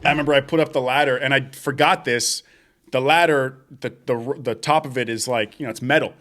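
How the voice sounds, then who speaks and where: A man's voice: mid-range voice, steady tone, fairly quick, fairly bright tone. A young man co-hosting a podcast, telling job stories in casual chat, swearing often and laughing as he goes. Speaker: podcast co-host.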